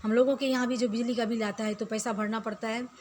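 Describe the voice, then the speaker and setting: A woman's voice: fairly high pitch, fairly even intonation, fast talker, a little hiss or hum. A young woman teacher explaining a school poem, reciting the verses in a sing-song voice and then explaining them in a casual way, often repeating phrases.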